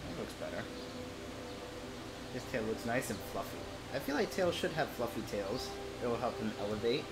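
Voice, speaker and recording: A man's voice: mid-range voice, lively intonation, normal speed, rough recording. A man with a New York accent chatting casually and slangily on a livestream as he draws. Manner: slangy, uses "like" often. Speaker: streaming artist. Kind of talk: casual livestream chat while drawing. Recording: loud music behind the voice. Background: music.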